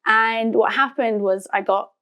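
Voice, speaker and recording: A woman in her thirties with a British accent, a guest in a casual interview, animated and reflective, and she often laughs. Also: a little high, a little slow, clear, resonant tone. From England. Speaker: guest, author.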